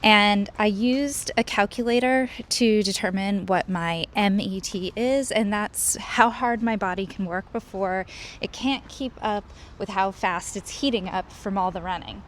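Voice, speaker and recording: Woman, casual running vlogger, conversational mid-range voice, recorded with clear outdoor ambience and traffic noise behind her. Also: medium pitch, unhurried. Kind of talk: casual vlog narration of a run.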